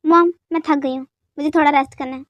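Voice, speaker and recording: A woman doing a sharp-tongued young wife, scolding curtly in a lowered but still high voice. It is read close to the mic in a dry sound. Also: fairly even intonation, fast talker, no room sound, dull audio, close to an everyday voice. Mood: annoyed. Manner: curt, scolding.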